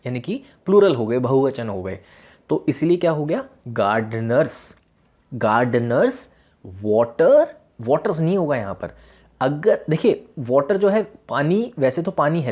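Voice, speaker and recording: Mellow-voiced male teacher, lively pitch. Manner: asks rhetorical questions and answers them himself; reads example sentences slowly and repeats them. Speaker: English teacher. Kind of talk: classroom lesson explaining grammar.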